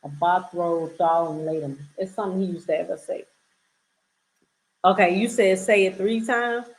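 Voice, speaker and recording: A woman's voice: mid-range voice, moderate pace, rough recording. A woman co-hosting a casual podcast chat, laughing as she stumbles through tongue twisters. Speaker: podcast co-host.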